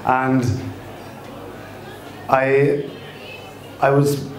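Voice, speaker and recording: A middle-aged man from Dublin with an Irish accent tells a personal story live in a fireside storytelling style, halting and reflective as he searches for his words. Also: medium pitch, monotone. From Dublin, Ireland. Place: indoor live storytelling event, echoey room. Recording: echoey room.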